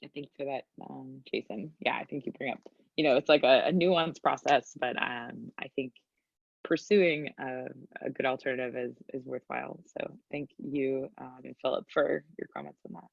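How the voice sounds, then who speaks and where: A man facilitating an online meeting, speaking haltingly with many fillers. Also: mid-range voice, fairly even intonation, gravelly, dry recording. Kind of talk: casual meeting discussion. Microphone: video call. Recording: dull lo-fi call audio.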